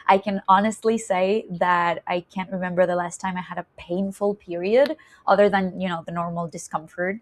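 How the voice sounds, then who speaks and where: A woman's voice: on the low side, fairly even intonation, moderate pace. Candid chatty young woman from Chile. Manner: candid, chatty, laughs often. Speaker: nurse and menstrual health educator. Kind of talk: casual self-introduction vlog.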